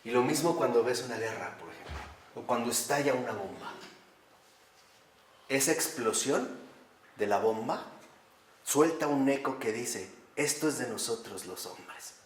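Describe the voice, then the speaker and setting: A man giving a spiritual lecture to a class, animated, asking rhetorical questions and answering them himself. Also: medium pitch, moderate pace, pauses often. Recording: roomy echo from a distant mic.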